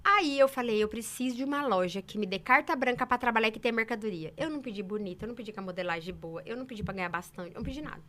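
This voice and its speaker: A woman from Brazil telling sales stories in a casual interview, emphatic and animated. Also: on the high side. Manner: animated, emphatic, quick talker. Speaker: saleswoman guest.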